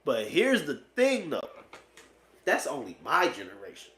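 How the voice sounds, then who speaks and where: In an echoey, roomy recording, a late-twenties man vlogs his dating opinions with blunt, profane slang, tossing in repeated phrases for emphasis. His slightly high voice swoops wildly in pitch, moving a bit slowly with a sharp edge.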